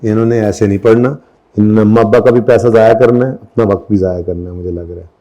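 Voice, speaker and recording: A man's voice: lowish voice, steady tone, quick pace, mellow. A middle-aged man teaching an accountancy class, mixing English terms into his Urdu and firing checking questions at students. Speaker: accountancy lecturer. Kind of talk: classroom lecture.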